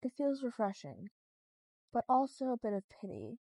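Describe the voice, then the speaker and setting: A woman hypnotist speaking directly to the listener, moving back and forth between a slow, soft hypnotic voice and a cheerful everyday one. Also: on the high side, huge pitch swings, dry recording. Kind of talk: soothing hypnosis talk.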